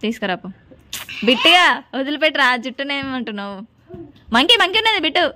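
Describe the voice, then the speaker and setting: A woman's voice: high voice, very animated, fast, pushed and bright. A woman, vlogging casually at home and bossing her children through homework. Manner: scolding, bossy with children. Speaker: vlogger and mother. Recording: noisy home recording.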